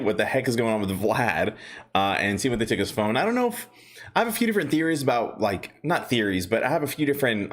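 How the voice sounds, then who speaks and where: A young man casually hosting a live stock chat, a little out of breath, rambling with restarts and reading viewer comments aloud. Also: fairly low pitch. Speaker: stock vlog host.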